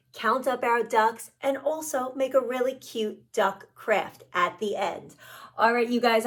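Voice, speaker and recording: A woman talking as a kids show host, leading young children through story time with animated, encouraging, simple repeated instructions. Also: fairly high pitch.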